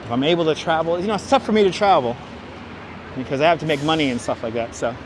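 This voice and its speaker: Walking outdoors on busy Manhattan streets, a man hosts a live walking tour and chats casually with viewers, mixing in street commentary. His voice is fairly high and quick, with a thick Brooklyn, New York accent. Vehicles and street ambience are audible, and the city traffic noise is captured clearly.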